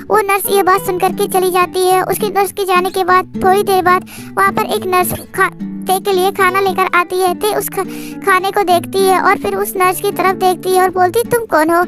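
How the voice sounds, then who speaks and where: A woman hosting her channel, narrating a fan love story in a simple, steady way. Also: extremely high pitch, normal speed. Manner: simple, steady storytelling in Hindi with English words. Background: children's music.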